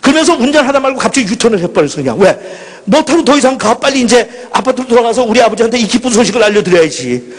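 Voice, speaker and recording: A middle-aged man preaches with raw passion, lurching from near-shouts to hushed confessions. His voice is husky and sits high for a man. It rings with long reverb through a large retreat hall. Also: lively intonation, quick pace, few pauses. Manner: dramatic, swings from shouting to hushed. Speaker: pastor. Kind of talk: impassioned sermon storytelling.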